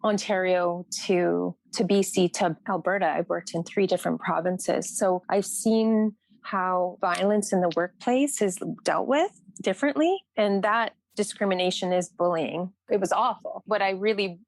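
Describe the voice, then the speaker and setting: A woman's voice: mid-range voice, normal speed, hardly any pauses, no room sound. A woman nurse from Canada, speaking earnestly in a podcast interview and often repeating phrases as she searches for words. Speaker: nurse guest. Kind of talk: podcast interview, personal reflection.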